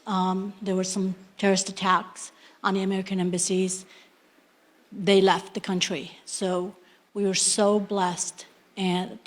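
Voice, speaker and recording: Middle-aged Iraqi-born woman telling her story. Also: mid-range voice. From Iraq. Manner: unhurried, plain-spoken, many ums and restarts. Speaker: entrepreneur. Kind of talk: personal success story, unscripted.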